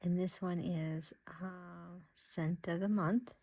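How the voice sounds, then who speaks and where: Husky, slow-talking woman unboxing. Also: on the low side, no echo. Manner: gasping, excitable, chatty with restarts. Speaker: crafting vlogger. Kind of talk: casual unboxing chat.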